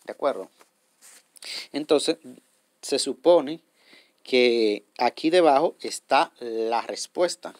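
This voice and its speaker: A man's voice: medium pitch, lively intonation, takes it slowly, pauses often, dry recording. A man hosting a step-by-step app tutorial. He explains patiently, repeats himself, and keeps checking in with his viewers. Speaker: tutorial host.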